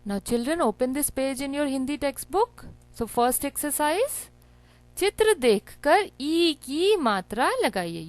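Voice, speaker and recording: A woman's voice: on the high side, no echo. A woman teaching young children in an online class, mixing English and Hindi and drawing out key words in a sing-song way.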